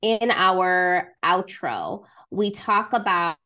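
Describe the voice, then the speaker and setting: A woman's voice: fairly low pitch, expressive, drawn-out words, bright, forceful tone. A woman co-hosting a podcast, chatting in a friendly, loose way with lots of fillers. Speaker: podcast co-host and trauma therapist. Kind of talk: casual podcast conversation. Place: remote recording, far from co-host.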